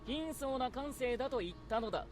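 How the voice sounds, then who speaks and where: A man's voice: extremely high pitch, lively intonation, very fast. A man voicing a proud, stubborn young male aspiring writer with haughty, indignant retorts, in visual novel acting. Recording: game audio with loud background music.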